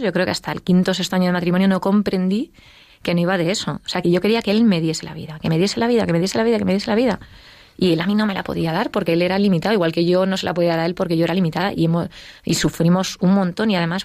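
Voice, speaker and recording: A woman's voice: on the low side, a little mellow, no room sound. A middle-aged woman telling her personal story in an interview, acting out the voices she quotes. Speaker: interview guest.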